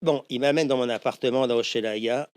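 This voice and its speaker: A middle-aged man from France with a French accent, a podcast guest telling lively anecdotes in casual chat and swearing freely. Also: medium pitch, quick pace, clear, resonant tone, no room sound. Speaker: guest, tattoo shop owner. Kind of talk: casual storytelling interview.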